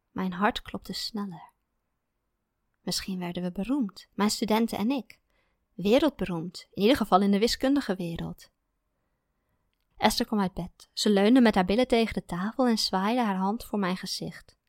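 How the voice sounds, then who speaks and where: A woman narrating a first-person story in a calm, even manner. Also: mid-range voice, no echo, clean studio sound.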